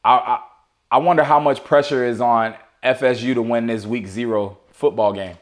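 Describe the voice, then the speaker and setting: A man co-hosts a laid-back sports talk show, riffing loosely with many restarts and fillers. He breaks into playful, excited outbursts mid-thought. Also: mid-range voice, moderate pace. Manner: animated, talks over his co-host with playful outbursts. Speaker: podcast co-host. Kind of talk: casual sports chat.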